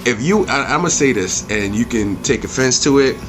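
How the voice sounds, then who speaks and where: Over background music, a man with a mid-range voice and lively intonation speaks at normal speed. He hosts a channel reviewing video game movies and delivers an opinionated rant that is emphatic, blunt and profane, repeating phrases for punch.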